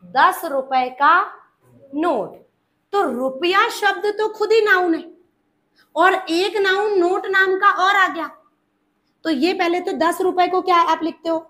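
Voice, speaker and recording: A woman teaches an English grammar class in a very high voice. She speaks slowly and deliberately, going over each point again and again. She keeps asking her students questions and calls them child. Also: bright, forceful tone.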